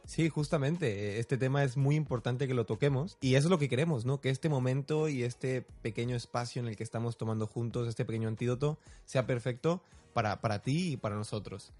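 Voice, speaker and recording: A man's voice: mid-range voice, fairly quick, few pauses, darkish tone, soft background music. Young man, reflective. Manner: storytelling, reflective, asks rhetorical questions. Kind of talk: casual conversational chat.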